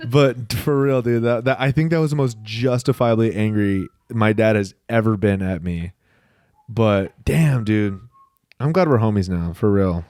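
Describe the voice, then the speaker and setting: A man's voice: lowish voice, unhurried, darkish tone, clear, resonant tone, no echo. A young man co-hosting a podcast in a laid-back, slangy conversational way. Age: young adult. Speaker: podcast co-host. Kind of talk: casual chat.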